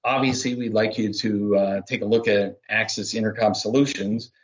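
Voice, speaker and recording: Speaking with a fairly low pitch on a low-quality recording, a business development manager lays out his interview answers step by step, pausing hesitantly at times as he explains.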